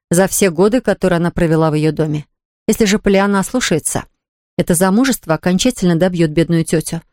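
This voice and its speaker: A woman reading a novel as scripted narration, in an even storytelling delivery. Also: lowish voice, no echo, studio quality. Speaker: audiobook reader.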